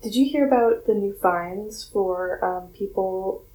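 A woman's voice: medium pitch, a little slow, mellow. A woman in her twenties co-hosting a podcast in casual chat, laughing often. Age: 20s. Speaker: podcast co-host. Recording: roomy echo.

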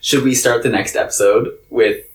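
Very low-voiced wry woman co-host. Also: fairly even intonation, normal speed. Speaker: podcast co-host. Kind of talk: casual chat. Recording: roomy echo.

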